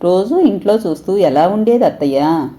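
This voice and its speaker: A woman's voice: lowish voice, expressive, moderate pace, warm tone, lightly acted. A woman voicing a curt, resentful husband.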